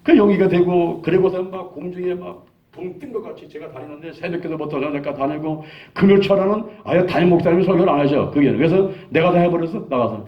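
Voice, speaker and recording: A man's voice: fairly high pitch, quick pace. A man in his sixties, a pastor, telling a testimony in a sermon, acting out the lines of the people in his story. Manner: animated storytelling, acting out quoted dialogue. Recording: dull lo-fi sound.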